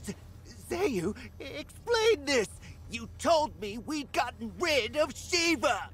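A hot-headed, excitable king. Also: very high-pitched, measured pace, exaggerated voice. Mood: angry. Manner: stammering, then gleefully eager for battle.

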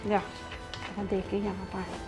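A woman's voice: mid-range voice, monotone, a little fast, over loud music, natural voice. A woman playing a resentful young daughter-in-law in a family web drama, tart and sarcastic.

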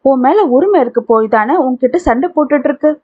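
Woman reading as a calm, consoling male friend. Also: high voice, quick pace. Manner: reassuring, advising. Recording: tinny phone-like audio.

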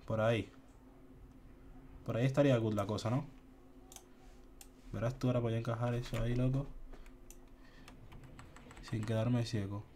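A young Dominican man streams a shooter game from a room at home, giving chatty, laid-back commentary and slipping in English words. His medium-pitched voice has a dark tone, with slight background noise.

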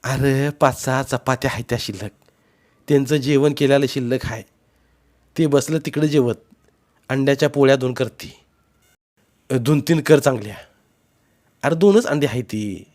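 A man voicing a practical rural mother in a spoken storybook, giving quick orders in a hurry. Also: mid-range voice, a little mellow, close to an everyday voice. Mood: hurried. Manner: hurried, bossy instructions.

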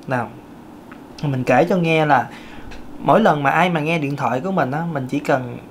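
A man's voice: moderate pace, slight background noise. A man with a thin, light voice, giving a casual singing lesson, chatty with many fillers. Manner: chatty, with many fillers and sudden pitch jumps. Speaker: singing teacher.

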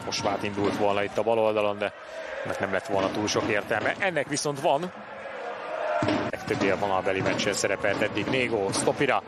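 A man giving live football match commentary as a television commentator. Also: on the low side. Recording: noisy stadium broadcast. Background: loud stadium noise.

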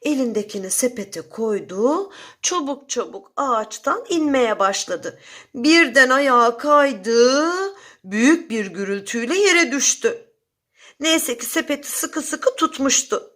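A woman narrating a children's story in a slow, expressive storytelling manner. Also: high-pitched.

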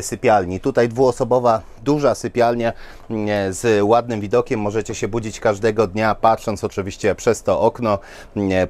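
A man's voice: fairly low pitch, darkish tone. Chatty man touring a caravan at a fair. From Poland. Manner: enthusiastic, talks straight to viewers with many fillers. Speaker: caravan show presenter. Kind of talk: walkthrough presentation. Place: inside caravans at a large indoor trade fair hall. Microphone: lapel mic.

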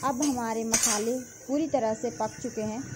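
A woman hosting a home cooking video, calmly talking viewers through each step of a recipe. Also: on the high side, normal speed, background noise. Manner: instructive, addresses viewers as friends. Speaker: cooking channel host. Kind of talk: cooking tutorial narration. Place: home kitchen.

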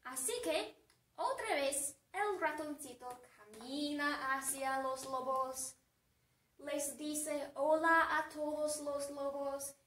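A woman teacher with a fairly high voice reads a story slowly and deliberately, repeating key phrases and quizzing her class. She is heard from a distance in a room with noticeable echo. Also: steady tone, fairly bright tone. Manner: slow, deliberate and repetitive. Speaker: language teacher. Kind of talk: storytelling lesson with questions to the class. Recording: echoey room, away from the mic.

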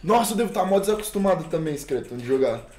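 A man's voice: on the high side, animated, fast. A man with a Brazilian Portuguese accent chatting casually and teasing his friend during a game. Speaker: guest gamer. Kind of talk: casual gaming chat. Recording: loud background noise.

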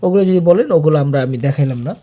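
Husky, higher-pitched man. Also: lively intonation, fast, mellow. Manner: informal, keeps checking in with listeners. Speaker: online seller. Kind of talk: casual product demonstration.

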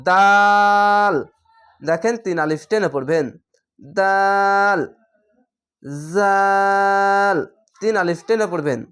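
A woman from Bangladesh teaching a step-by-step Quran reading lesson, sounding out each letter slowly and louder, with plain explanations in between. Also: low-pitched. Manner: slow, drawn-out letter pronunciation between explanations; sounds the letters out louder and more drawn out than her explanations.

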